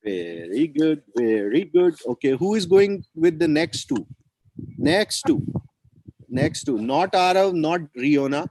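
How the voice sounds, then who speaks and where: A man's voice: a little high, big pitch swings, slow pace, a little mellow, a little hiss or hum, low-quality recording. A man teaching children over a video call, encouraging them and repeating his praise and questions. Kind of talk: online children's class.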